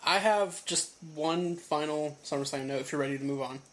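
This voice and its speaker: A man co-hosting a podcast in casual chat, animated and ranting in mock outrage. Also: fairly high pitch, moderate pace. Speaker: podcast co-host.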